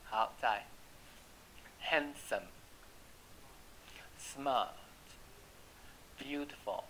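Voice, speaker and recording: A man teaching an English class, chatty and checking with students, slowing down to repeat words for pronunciation. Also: medium pitch, bright, forceful tone, rough recording. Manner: asks "right?" often. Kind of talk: classroom lesson.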